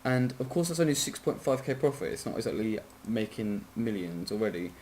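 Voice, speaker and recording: A man's voice: fairly low pitch, lively intonation, brisk, darkish tone, a little hiss or hum. A man giving a casual, rambling game tutorial, sleepy and yawning, often apologizing, correcting himself and swearing.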